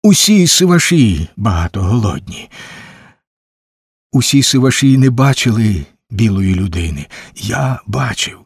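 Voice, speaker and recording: A man voicing a starving native chief who pleads in slow, broken speech. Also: on the low side, big pitch swings, breathy edge, no echo, studio quality, full character voice. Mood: pleading. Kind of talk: audiobook character voice.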